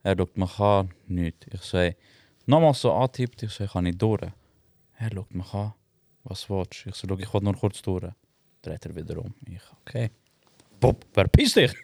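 A man's voice: sits low, normal speed, creaky, no room sound. Swiss German man telling a story, laughing. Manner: animated storytelling, laughing often. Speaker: podcast co-host. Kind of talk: casual chat.

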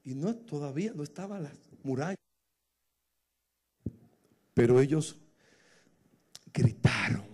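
High-pitched man preaching a fiery sermon. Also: animated, slow, pauses often, slightly rough. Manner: emotional, builds to shouting exclamations.

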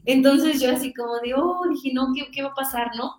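A Mexican woman telling a lively story in an interview, acting out quoted dialogue in a chatty, animated way. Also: high voice, a little fast, echoey room, low-quality recording. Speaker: guest voice actress.

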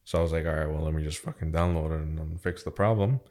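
A man's voice: extremely low pitch, quick pace, darkish tone. A man hosting a casual podcast in a slangy, sweary, bro-like way. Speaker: podcast host.

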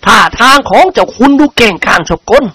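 A man's voice: extremely high pitch, animated, a little fast, sharp tone, slightly rough, no echo, pitched above the performer's own voice, exaggerated voice. A man voicing a jovial older nobleman who banters heartily.

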